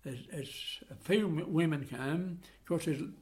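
A man's voice: fairly high pitch, darkish tone. Elderly man with a broad Suffolk accent. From Suffolk, England. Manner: rambling, halting, rustic dialect turns of phrase. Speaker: care home resident being interviewed. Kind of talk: casual reminiscing chat.

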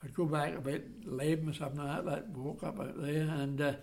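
An elderly man speaks in a broad Suffolk accent, his voice a little on the high side. He chats casually and haltingly, wandering through his recollections in homely rural dialect. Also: little pitch movement. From Suffolk, England. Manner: rambling, halting, rustic dialect turns of phrase. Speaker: care home resident being interviewed. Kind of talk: casual reminiscing chat.

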